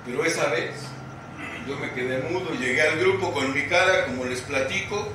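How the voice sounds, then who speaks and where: A Mexican man with a voice on the high side talks at normal speed as he tells his recovery story to a group meeting. Slangy and profane, he acts out what others said. The audio is noisy, from far off in an echoey hall.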